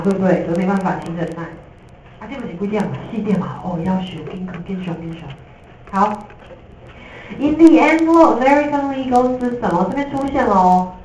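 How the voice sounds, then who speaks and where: A woman teacher with a Taiwanese Mandarin accent gives a lively, jokey classroom lecture, slipping in English terms. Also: fairly low pitch, slight background noise. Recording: echoey room from a distance.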